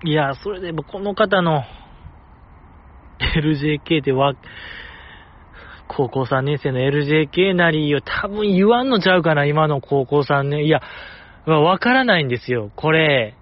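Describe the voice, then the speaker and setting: A podcast host with a Kansai accent reads listener mail, chatting casually with joking, self-deprecating banter and quick laughs. His voice is on the high side, and the recording sounds muffled.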